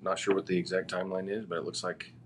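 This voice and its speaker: Deep-voiced man answering interview questions. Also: fast, husky. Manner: relaxed, rambling with fillers. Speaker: podcast guest.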